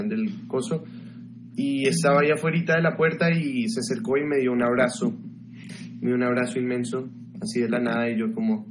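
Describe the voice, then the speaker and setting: Talking into a desk webcam mic in his small bedroom, a young Ecuadorian livestreamer chats casually with live viewers, gossiping and fielding their questions. His voice is medium-pitched, with background noise audible.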